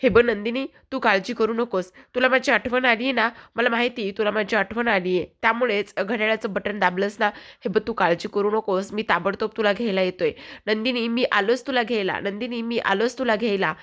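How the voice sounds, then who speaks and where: A woman's voice: mid-range voice, fairly even intonation, fairly quick, a bit bright, natural voice. A woman voicing a tearful young husband who pleads and repeats himself, retold from a TV serial. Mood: pleading.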